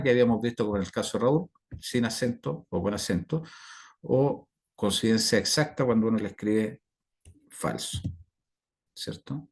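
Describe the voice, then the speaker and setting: A Chilean instructor with a lowish, somewhat mellow voice teaches an online class by video call, rambling with fillers and constantly checking in with his students.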